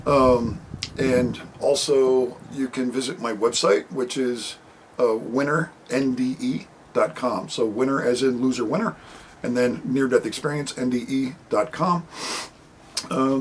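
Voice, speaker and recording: A man's voice: mid-range voice, steady tone, moderate pace, slight background noise, low-quality recording. Man talking loosely to camera. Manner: conversational and rambling, acting out quoted speech. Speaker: author presenting his book. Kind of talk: casual unscripted monologue to camera.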